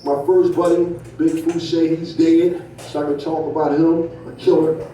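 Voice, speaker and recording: A man's voice: a little high, level tone, moderate pace, warm tone, slight background noise. A male stand-up comedian telling a profane story to a club crowd, tagging his lines with "right?". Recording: echoey room, mic from a distance.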